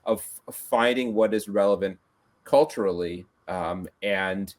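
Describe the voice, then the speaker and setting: A podcast host with a lowish, unhurried voice chats casually, talking loosely with lots of fillers and restarts.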